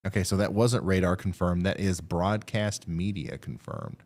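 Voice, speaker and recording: A man hosting a live severe weather stream, talking through radar updates in a halting, thinking-aloud way. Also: low voice, animated, darkish tone.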